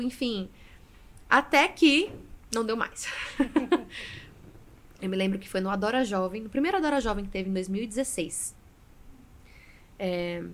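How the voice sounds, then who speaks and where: Expressive woman telling her story. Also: fairly high pitch. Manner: expressive storyteller, often adds "né". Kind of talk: casual podcast interview storytelling.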